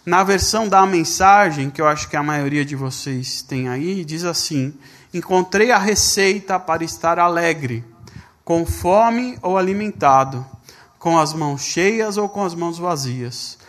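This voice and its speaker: A man preaching a sermon as a pastor, reading scripture slowly and telling stories with voiced dialogue. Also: on the high side, lively intonation, a bit bright. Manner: storytelling with quoted dialogue.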